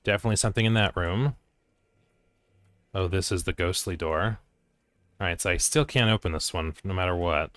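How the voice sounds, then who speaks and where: A man with a very low voice, recorded close and dry, gives casual commentary while playing a video game. He mutters to himself in short fragments and reads bits of screen text aloud. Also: a little fast, long pauses, fairly bright tone, no echo.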